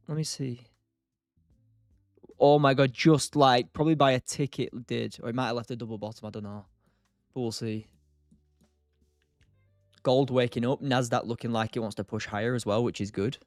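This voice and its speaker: A man speaks close and dry into a desk mic, his tone tired and loose as he thinks out loud. He drifts between half-finished thoughts and quick replies to his chat. Faint music hums behind him. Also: mid-range voice, lively intonation, dry recording. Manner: thinks aloud, trails off, answers chat. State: tired, short on sleep. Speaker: streamer, day trader. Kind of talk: casual live-stream commentary.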